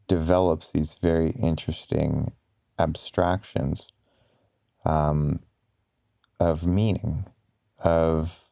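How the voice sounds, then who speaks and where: A man giving slow bedtime pillow talk in an ASMR style, explaining ideas in a halting, rambling, casual way with frequent pauses. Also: very deep voice, vocal fry, dark tone, dry recording, studio quality. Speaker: ASMR content creator.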